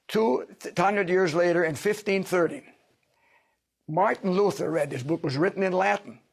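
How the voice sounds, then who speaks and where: With a gravelly voice that sits high, an older sociologist responds to interview questions. He lectures emphatically and keeps asking himself rhetorical questions.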